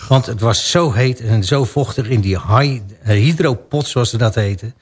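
A man's voice: mid-range voice, moderate pace, husky. A man presenting on local radio, chatting casually and laughing now and then as he tells odd facts about strange sports.

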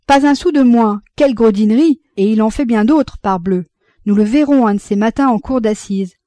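A woman's voice: a little high, moderate pace, dry recording, lightly acted. A woman voicing a furious male painter. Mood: indignant. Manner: indignant, loud outbursts. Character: hot-tempered adult male painter.

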